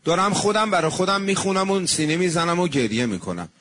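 A man giving an earnest sermon, telling stories and slowing down on devotional phrases. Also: high voice, expressive, a bit bright. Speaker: religious preacher.

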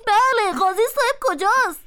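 A sobbing, pleading strand of a child's dirty hair in a children's radio play. The voice sits extremely high and squeaky. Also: female voice, lively intonation, bright, forceful tone, full character voice. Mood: demanding. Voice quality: tearful and pleading. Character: weepy dirty unwashed hair of a child, whiny.

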